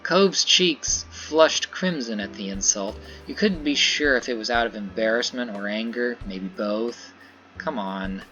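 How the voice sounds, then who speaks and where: A man's voice: mid-range voice, unhurried, pushed and bright, muffled recording, faint music behind. A man playing through a visual novel, reading the narration aloud and adding casual comments on his choices. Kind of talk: story game playthrough with commentary.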